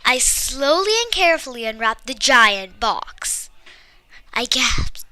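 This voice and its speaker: A woman reading a story aloud with lively expression and small slips. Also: sits high, a little slow, no echo, low-quality recording. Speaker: story reader.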